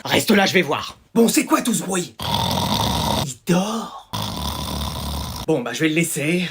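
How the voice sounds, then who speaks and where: A comedian acting out short school and family sketches, switching quickly between characters. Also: mid-range voice, expressive, noisy background. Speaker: sketch comedian playing all parts. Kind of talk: comedy sketch role-play.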